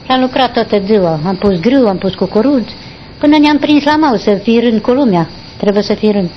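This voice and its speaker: An older woman, recalling her past in a rambling, halting way during an interview. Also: a little high, expressive, a little hiss or hum. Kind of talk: oral history recollection. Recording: dull lo-fi recording.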